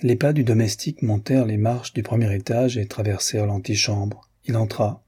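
Male audiobook narrator, dark mellow tone, breathy and husky. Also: on the low side. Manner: steady, measured literary narration. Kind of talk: audiobook reading.

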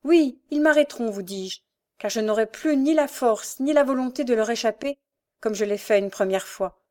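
A woman's voice: on the high side, moderate pace, warm tone, natural voice. A woman voicing a desperate, tormented young woman thief with pleading, impassioned outbursts. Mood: anguished.

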